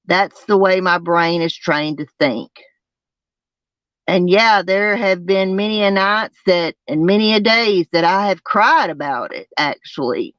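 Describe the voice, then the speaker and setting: A person with a twangy Southern US accent, chatting casually to a livestream, haltingly and with repeated phrases. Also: mid-range voice, a bit bright, dry recording. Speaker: livestream host. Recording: dull lo-fi sound.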